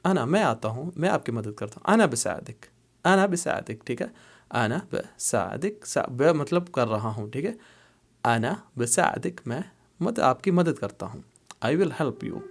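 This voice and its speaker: A man's voice: mid-range voice, lively intonation, vocal fry. A man teaching spoken Arabic phrases, explaining them in Urdu and repeating each phrase several times at a patient pace. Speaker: language teacher.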